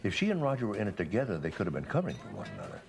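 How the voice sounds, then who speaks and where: An actor playing a wry, easygoing older investigator with a gravelly voice in a television crime drama. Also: male voice, deep voice, wildly swooping pitch, rapid-fire, exaggerated voice.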